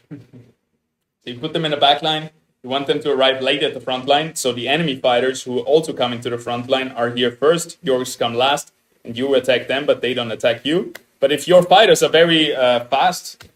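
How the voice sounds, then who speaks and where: A man with an Austrian German accent, a German native speaker, chatting casually as a live streamer and laughing at himself. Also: medium pitch.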